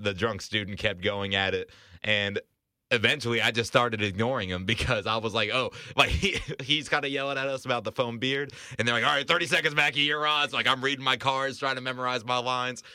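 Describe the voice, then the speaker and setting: A young man in his twenties tells a rambling story as a casual podcast guest, stumbling over restarts and laughing between lines. His voice sits a bit low but sounds bright and forward. The recording is close and dry. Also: steady tone, brisk, smooth, no echo. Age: 20s. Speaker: in-arena host and announcer.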